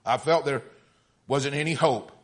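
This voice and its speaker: A preacher voicing a suffering talking teacup. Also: male voice, medium pitch, measured pace, lightly acted. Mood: distressed. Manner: storytelling read-aloud tone.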